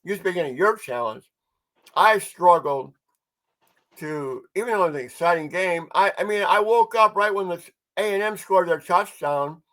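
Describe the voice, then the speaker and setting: A man's voice: high-pitched, moderate pace, a bit bright, rough recording. Man with mumbled, marbles-in-mouth speech. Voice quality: mumbled, marbles-in-mouth articulation from dental work. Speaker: sports podcast co-host. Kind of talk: casual sports podcast talk.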